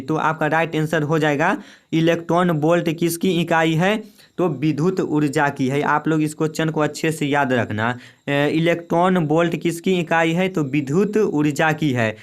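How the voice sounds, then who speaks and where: A clear-voiced young exam-prep teacher with a fairly high pitch runs a quiz lesson, reading out questions and answer options. He drills each answer repetitively, urging listeners to "remember it well."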